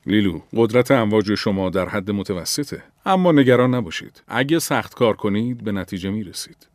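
A man plays a mocking male teacher in a storybook reading, with a low voice. He talks down to others in a condescending way, recorded close and dry. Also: lively intonation, dry recording, lightly acted.

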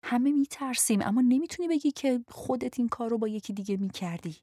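A woman's voice: fairly high pitch, warm tone, no room sound, clean studio sound, pitched above the performer's own voice, lightly acted. A woman reading a blunt, protective man. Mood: earnest. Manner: blunt, frank and insistent. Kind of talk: audiobook dialogue reading.

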